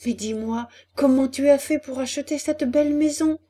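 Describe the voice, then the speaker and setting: A woman voicing a cheeky, excitable puppet boy in a storybook reading, with a high, loud, exclamatory delivery. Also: moderate pace, natural voice. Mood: eager.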